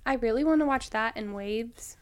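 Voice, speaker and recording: A woman co-hosting a podcast in relaxed, chatty conversation. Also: on the high side, moderate pace. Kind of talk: casual chat.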